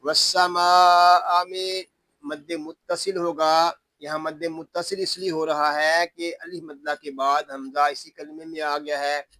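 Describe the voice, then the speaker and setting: A man teaching Quran recitation rules word by word, patiently explaining each rule and chanting the verses in long, drawn-out tones. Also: fairly high pitch, pushed and bright, dry recording. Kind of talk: tajweed lesson, word by word.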